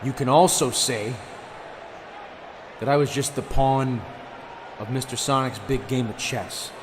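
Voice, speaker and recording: A man delivering a dramatic professional wrestling promo in an intense, bitter, emphatic way with deliberate pauses. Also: medium pitch, slight background noise.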